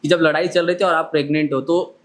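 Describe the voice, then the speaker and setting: A man hosting the interview, asking long, rambling questions in a relaxed, casual way. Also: fairly high pitch, quick pace, slight background noise. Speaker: interviewer host.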